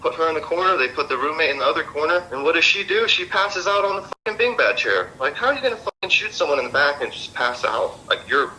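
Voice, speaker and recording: A man with a very bright, sharp voice answers police questions. He rambles and swears, worked up and agitated, with faint noise around him. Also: on the high side, sing-song, quick pace, hardly any pauses, rough recording. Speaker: interviewee, friend of victim. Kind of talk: recorded police interview.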